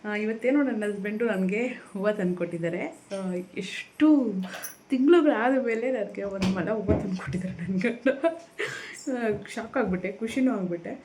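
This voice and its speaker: A woman filming a casual home vlog, talking gently and coaxingly as a mother and chatting to her viewers. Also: medium pitch, animated, normal speed, a little hiss or hum. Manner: gentle, coaxing, soft-spoken. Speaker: vlogger and mother.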